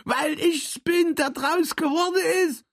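A man doing a shrill little Saxon fellow. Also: fairly even intonation, unhurried, a bit bright, no room sound. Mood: overjoyed. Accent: Saxon dialect. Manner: shrill, eager, exclamatory. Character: small excitable middle-aged Saxon man.

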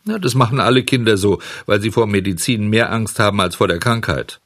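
A man voicing a stubborn, whiny puppet boy in a storybook reading, whining and pleading in a high, excited voice. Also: fairly quick, no echo, studio quality. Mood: cheeky.

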